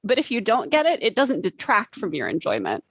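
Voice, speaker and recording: A woman's voice: mid-range voice, huge pitch swings, brisk, gravelly, slightly rough, no echo, low-quality recording. A woman co-hosting a book podcast, chatting casually in a wry, informal way. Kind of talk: casual chat.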